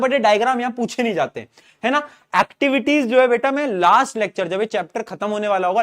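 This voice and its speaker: A man teaching an online science class in speech, asking students questions and using stories as memory aids, often clearing his throat. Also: high-pitched. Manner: asks students questions, uses story mnemonics.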